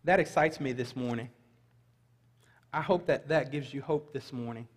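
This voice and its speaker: A middle-aged male pastor preaches at a moderate pace in a mid-range voice, reading scripture and making light asides to the congregation. The large church sanctuary gives the recording a long, hall-like reverb.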